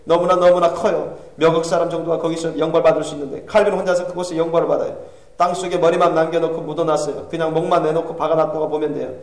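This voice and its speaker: A male pastor delivers an urgent, fervent sermon in a church sanctuary. His voice is high and the words tumble out fast. The mic sits far away, so the hall rings around him. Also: level tone, darkish tone.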